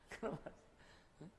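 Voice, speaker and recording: A man pastor preaching a sermon in a conversational way, often asking the congregation questions. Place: church sanctuary. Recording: long reverb of a hall, faint noise.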